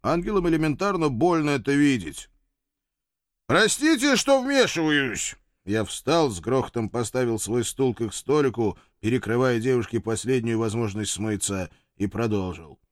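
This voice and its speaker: A man's voice: mid-range voice, normal speed, few pauses, darkish tone, no room sound, studio quality. A man reading a first-person audiobook in a wry, sardonic way. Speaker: audiobook narrator.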